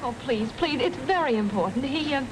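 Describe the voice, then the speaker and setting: High-pitched, urgent 1930s screwball heroine. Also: female voice, animated, normal speed. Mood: urgent pleading. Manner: urgent screwball comedy banter. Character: insistent, resourceful young lady chasing a crook. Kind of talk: 1930s screwball film acting. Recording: noisy old 1930s film soundtrack.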